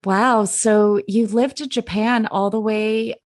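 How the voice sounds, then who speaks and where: A woman's voice: medium pitch, steady tone, slow, a little mellow. A woman co-hosting a podcast and asking curious, enthusiastic questions. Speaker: podcast co-host. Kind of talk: podcast interview.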